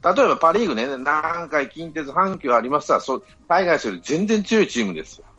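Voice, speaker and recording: A man's voice: a little high, big pitch swings, fast, sharp tone, breathy edge. A man in a casual podcast chat, arguing his points assertively. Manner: assertive, lecturing. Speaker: podcast panelist. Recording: dull lo-fi audio with faint music.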